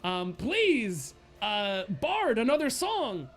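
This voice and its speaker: A man puts on the voice of a jubilant tavern keeper, gushing with thanks and exclaiming everything. The voice sits high and lively. Faint music plays behind him. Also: moderate pace, lightly acted. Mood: overjoyed. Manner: effusive, exclaiming. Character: jovial grateful tavern bartender, grown man.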